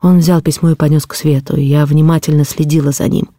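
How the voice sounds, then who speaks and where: Female audiobook narrator for classic prose, warm dark timbre, measured delivery. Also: deep voice, level tone, no room sound, clean studio sound. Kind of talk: literary audiobook reading.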